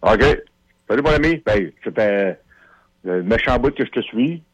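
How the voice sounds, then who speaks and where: A man in his thirties from Quebec, with a Québécois French accent, calls in to a radio show for a casual chat, rambling hesitantly with lots of fillers. His fairly low voice is animated and slightly rough at a moderate pace. It comes through a telephone handset as a dull, muffled phone line with no room sound.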